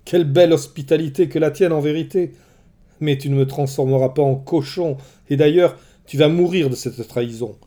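A man voicing a proud, wary warrior hero in a storybook reading, speaking in forceful, indignant declarations. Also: medium pitch, normal speed, hardly any pauses, close to an everyday voice. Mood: angry.

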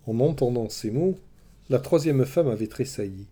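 Man reading a myth aloud like a storybook, measured and expressive, really dark mellow voice. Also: medium pitch. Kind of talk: storybook narration.

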